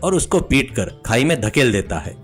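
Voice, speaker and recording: A man narrating a moral story in an animated storytelling manner. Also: mid-range voice, moderate pace, soft background music.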